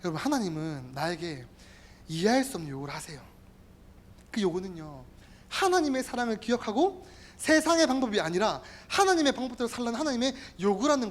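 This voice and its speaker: A male youth pastor preaching a sermon in a church, earnest and exhorting, often turning to the listeners, with instrumental music behind. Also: very high voice.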